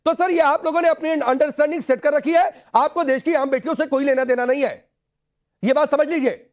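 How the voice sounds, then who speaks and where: A man's voice: extremely high pitch, fairly even intonation, brisk. A man anchoring a heated TV news debate, insistently challenging the panelists and cutting in to take control. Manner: insistent, challenging, cuts in repeatedly.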